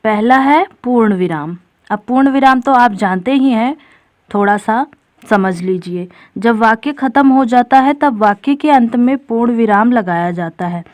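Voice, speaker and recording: A woman's voice: on the high side, measured pace, a little mellow, no echo. A woman teacher explaining a grammar topic step by step for exam preparation, addressing viewers directly as friends. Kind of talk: exam-prep grammar lesson.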